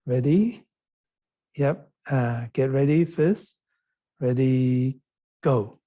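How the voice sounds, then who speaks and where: A man leading an online tai chi class, giving calm, step-by-step movement cues. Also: medium pitch. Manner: slow, calm, step-by-step cueing. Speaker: tai chi teacher and workshop leader.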